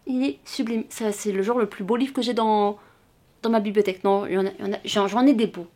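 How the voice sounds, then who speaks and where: A woman's voice: medium pitch, steady tone, quick pace, dark tone. A woman from France chatting casually in a book haul vlog, gushing with frequent exclamations and restarts. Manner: gushing, exclaims often, many fillers and restarts. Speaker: booktuber vlogging a book haul. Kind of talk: casual chat.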